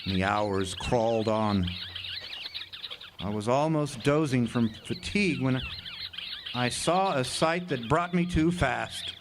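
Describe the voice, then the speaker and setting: A slow man with a mid-range voice plays a haunted lighthouse keeper, narrating his own story in a radio drama with urgency and stammering drama. It was recorded live on an outdoor amphitheater stage, noisy and filled with birdsong.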